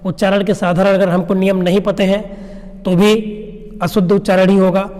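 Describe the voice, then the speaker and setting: A man with a fairly high voice teaches an exam-prep lesson. He poses questions and answers them himself, checking in with his listeners after each point. The sound rings with a long reverb tail. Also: level tone, moderate pace, a little mellow. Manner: explains step by step, asks rhetorical questions and answers them; checks in with "है ना" and "ठीक है ना".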